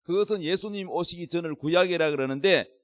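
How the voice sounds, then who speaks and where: Pastor, male, middle-aged; high, lively sermon voice, dry close sound. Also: fast, dry recording. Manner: emphatic, asks the congregation questions. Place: church.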